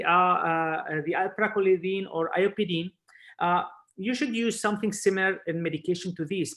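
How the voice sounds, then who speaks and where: On a video webinar, a surgeon lecturer from Spain gives an informal expert talk in halting, non-native English, repeating words as he explains. His voice is high, and the video-call audio is poor.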